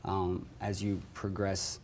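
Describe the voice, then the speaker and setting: Answering interview questions as a nurse manager, a courteous man from West Virginia in the United States speaks slowly in a low, monotone voice, replying with "yes ma'am." The background is noisy.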